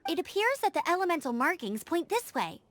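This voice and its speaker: A woman's voice: very high voice, sing-song, fairly quick, dry recording. A woman voicing an eager young girl scout in video game dialogue, earnest and upbeat as she urges others on. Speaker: outrider.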